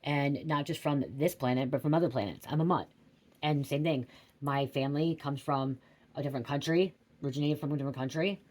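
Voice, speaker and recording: This psychic tarot reader is a middle-aged woman whose low-pitched voice has a darkish tone and a brisk pace. Her casual livestream reading rambles and wanders off topic, with plenty of swearing and a repeated "okay?"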